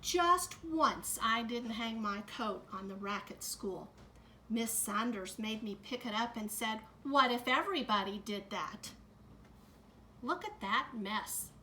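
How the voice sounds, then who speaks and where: A middle-aged woman teacher reading a picture book aloud to children, adding gentle comments as she goes. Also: on the high side, expressive, slight background noise. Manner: slow, gentle storytime delivery with added comments to kids.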